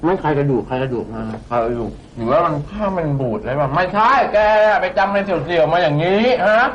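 A teasing young manservant. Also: male voice, on the high side, lively intonation, fairly quick, a bit bright. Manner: teasing, playful. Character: joking young male house servant. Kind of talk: TV drama acting. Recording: dull soundtrack with faint noise.

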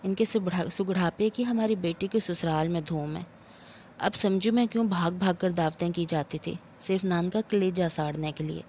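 An aggrieved, theatrical old mother-in-law full of loud laments, as a woman narrator puts her on. The voice sits low and mellow. A dull lo-fi recording with a faint hiss underneath. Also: normal speed, close to an everyday voice. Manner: wailing complaints, theatrical laments. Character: aging scolding mother-in-law, self-pitying and loud.

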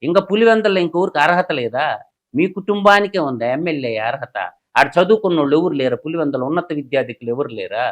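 A man's voice: fairly high pitch, animated, fast. A man, speaking as a political analyst. He delivers heated commentary in a combative way, firing off one rhetorical question after another.

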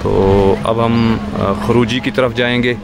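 A man's voice: medium pitch, fairly even intonation, unhurried, vocal fry. A man making brief, casual remarks outdoors near a chairlift station. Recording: loud outdoor noise over the voice.

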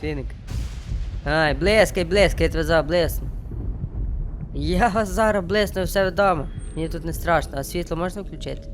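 This is a young man streaming a let's play, his voice on the high side against slight background noise. He jokes as he plays, chatting to the game and his audience in a playful running commentary.

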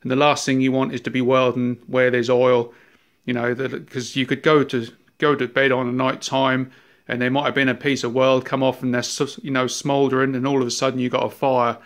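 A man in his fifties with a New Zealand accent walks through his large, cluttered workshop, filming on a handheld phone. He talks in a relaxed, rambling way full of fillers, his voice staying fairly flat and even. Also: mid-range voice, brisk. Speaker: workshop owner. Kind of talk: casual workshop tour. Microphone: handheld phone camera.

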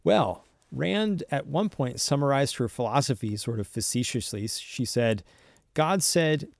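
A man's voice: medium pitch, gravelly, darkish tone, no room sound. Earnest man, dry close sound. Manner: earnest, measured, with frequent restarts. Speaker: podcast guest. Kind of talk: thoughtful conversational explanation.

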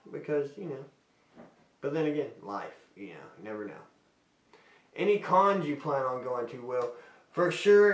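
In a casual Q&A vlog, a man with a fairly high voice answers fan questions in a friendly, rambling way, frequently cutting himself off mid-sentence. The mic is distant, so the sound is roomy and off-mic.

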